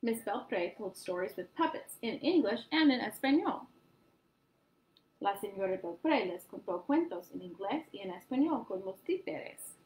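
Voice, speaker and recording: A woman storyteller reading a picture book aloud to children in an animated way. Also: mid-range voice, a little slow, rough recording. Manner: animated, addresses young listeners.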